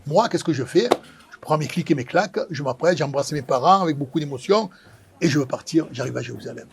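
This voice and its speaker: A man with a Marseille accent from the south of France, telling a personal story in a dramatic, animated way and repeating phrases for effect. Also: fairly high pitch, a little fast, creaky, husky. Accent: Marseille, southern French. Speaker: pizza maker telling his life story.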